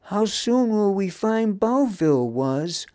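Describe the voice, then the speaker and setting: A man's voice: fairly high pitch, big pitch swings, extremely slow, pitched above the performer's own voice, full character voice. A man doing a whiny, impatient young boy. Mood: pushy. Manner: whiny and pushy.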